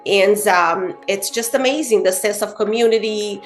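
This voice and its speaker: A woman from Brazil, a guest realtor speaking in a casual interview, earnest and animated, with frequent "you know" fillers. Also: medium pitch, moderate pace, faint music behind.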